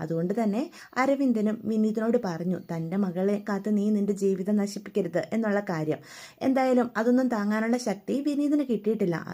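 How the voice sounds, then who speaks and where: A woman's voice: on the high side, warm tone. A woman casually recapping a TV serial with chatty, friendly asides to viewers. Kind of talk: casual chat.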